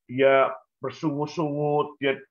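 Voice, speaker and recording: A man, telling a lively story with acted-out voices on a church talk show. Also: on the high side, slow pace. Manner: animated, acts out voices in his story. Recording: dull lo-fi sound.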